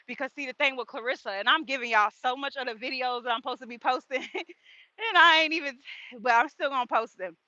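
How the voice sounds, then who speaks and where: A woman's voice: sits high, a little fast, sharp tone, no echo, dull audio. A woman, chatting about her faith in a casual walk-and-talk vlog. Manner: chatty, faith-focused, laughs often. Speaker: vlogger. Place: outdoors on a walk.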